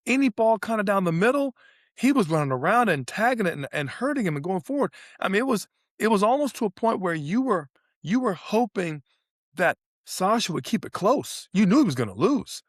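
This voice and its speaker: Here a man with a high-pitched voice co-hosts a sports podcast, analysing tennis in casual talk and leaning on repeated phrases for emphasis. The sound is studio quality with no echo.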